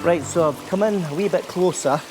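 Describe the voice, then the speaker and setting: A man's voice: a little high, moderate pace, over music. A man with a Scottish accent giving a chatty, casual outdoor vlog commentary, explaining things as he goes. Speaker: YouTube vlogger and landscape photographer. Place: outdoors by a stream under a bridge.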